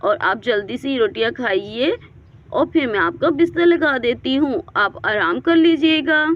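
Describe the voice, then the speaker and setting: A woman's voice: high-pitched, animated, moderate pace, lo-fi sound. Woman playing a kind young village girl. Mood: coaxing. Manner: gentle and pleading.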